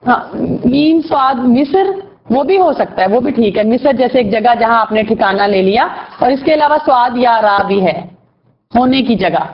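A woman's voice: fairly high pitch, lively intonation. A woman teaching a class, explaining word roots, quizzing her students and praising their answers. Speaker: Quran vocabulary teacher. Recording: dull lo-fi recording.

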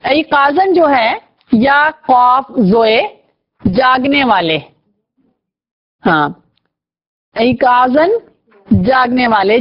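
A woman teaching Quran vocabulary, explaining Arabic word roots, asking her students questions and praising their answers. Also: sits high. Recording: dull lo-fi recording.

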